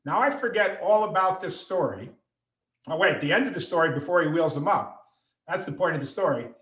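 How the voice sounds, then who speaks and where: A man's voice: a little high, fairly quick. A middle-aged man telling a story over a video call, acting out the voices of the people in it. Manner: animated storyteller, acts out quoted voices. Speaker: author and speaker. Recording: echoey room on a call.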